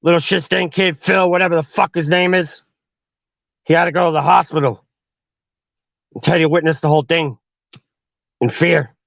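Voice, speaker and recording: A man's voice: on the high side, steady tone, normal speed, gravelly, long pauses, fairly bright tone, no room sound, highs cut off. A man telling a horror story on his podcast in a profane, slangy way. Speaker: podcast host.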